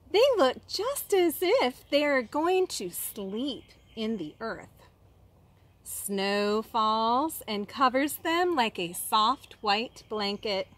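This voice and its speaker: In a fairly high, somewhat bright voice, a woman reads a children's picture book aloud as a kindergarten teacher might. She performs it expressively, pausing for drama and posing questions to the little ones listening.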